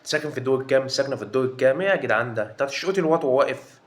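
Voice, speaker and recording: Rapid-fire Egyptian man reacting. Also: medium pitch, animated. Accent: Egyptian Arabic. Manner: exclaiming, joking, swears oaths often. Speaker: reaction video host. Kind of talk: casual reaction commentary.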